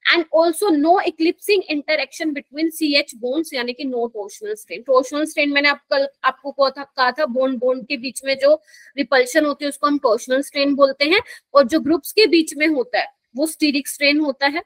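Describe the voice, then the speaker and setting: A woman with a high voice teaches a live chemistry lesson, speaking Hindi mixed with English in an Indian accent. She talks slowly and patiently and keeps asking the class whether they follow. The sound is dry and close. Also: no echo. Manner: patient, explains slowly and checks understanding.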